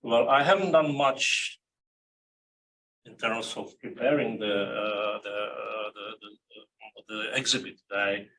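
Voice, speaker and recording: A visiting scholar from the Czech Republic addressing an event, halting and repeating words. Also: male voice, lowish voice, pushed and bright. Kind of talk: event presentation speech. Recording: distant mic with faint room noise.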